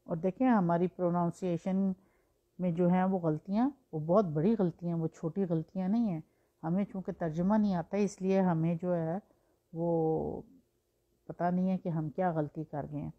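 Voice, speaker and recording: A woman's voice: lowish voice, fairly even intonation, narrow, tinny audio. A woman teaching Quran recitation in a patient, explanatory way, using examples and rhetorical questions. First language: Urdu. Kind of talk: explanatory religious lesson.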